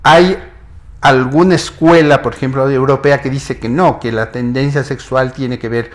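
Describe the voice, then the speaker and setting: A man's voice: medium pitch, steady tone, moderate pace. A man appearing as a geneticist guest on a TV interview, giving earnest, step-by-step explanations.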